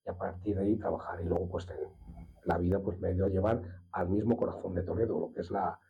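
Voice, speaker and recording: A man from La Mancha, a master swordsmith, explaining his craft in an unhurried conversational way, with hesitations and restarts. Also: sits low, steady tone, dark tone, low-quality recording. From La Mancha, Spain. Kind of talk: conversational interview.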